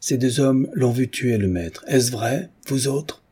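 A man's voice: mid-range voice, lively intonation, slow pace, dark tone, breathy edge, pitched above the performer's own voice. A man voicing a young countess who scolds a peasant crowd in an imperious, commanding way.

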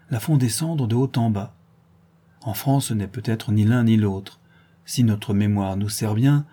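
A man reads an old travel account aloud in a measured, formal narration. His voice is dark and mellow, with a husky edge. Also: medium pitch. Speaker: audiobook narrator.

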